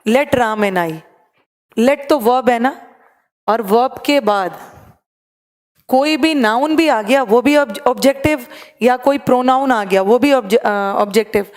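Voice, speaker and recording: High-voiced woman teaching grammar. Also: a little mellow, in a large hall. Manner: explains step by step, mixes Hindi and English. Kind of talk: online class lecture.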